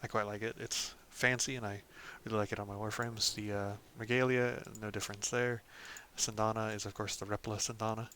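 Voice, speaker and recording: Male host for a casual game walkthrough, lower voice with a bright, forceful edge, relaxed filler-heavy delivery, faint background ambience. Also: a little fast, few pauses, a little hiss or hum. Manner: relaxed, lots of ums and "of course". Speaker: gaming channel host.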